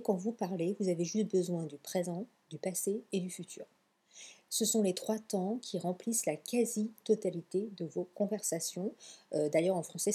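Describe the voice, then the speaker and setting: Mellow, husky teacher woman. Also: lowish voice. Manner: chatty, encouraging, mixes English phrases into French. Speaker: English pronunciation teacher. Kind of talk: online language lesson.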